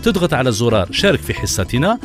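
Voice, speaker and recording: A man's voice: mid-range voice, sing-song, fast talker, soft background music. A man in his thirties with an Algerian Arabic accent, hosting a children's TV show in a studio and coaxing the kids with questions. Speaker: children's TV host. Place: colorful TV studio set with children audience. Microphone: handheld mic.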